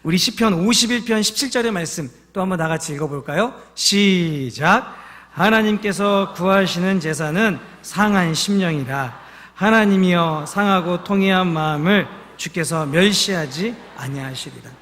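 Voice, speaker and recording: A man's voice: sits high, moderate pace, fairly bright tone, long reverb tail. A man preaching a sermon as a pastor, telling stories with feeling and asking the congregation questions. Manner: emotional storytelling, asks the congregation questions. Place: church sanctuary.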